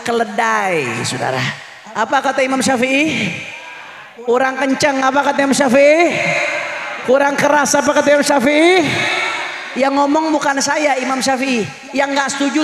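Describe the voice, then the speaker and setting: A man with an Indonesian accent giving a fiery sermon at an outdoor religious gathering, shouting and repeating calls to the crowd. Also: extremely high pitch. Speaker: preacher. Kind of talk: fiery open-air sermon. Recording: echoey live sound system, long reverb.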